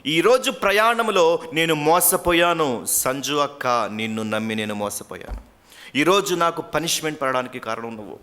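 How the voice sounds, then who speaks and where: A man's voice: a little high, quick pace, pushed and bright, in a large hall, voice pushed up. A man voicing a crying first-grade boy who blames an older girl for breaking a promise. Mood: tearful, accusing. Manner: wailing, accusing. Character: upset little schoolboy, first grader, crying and blaming.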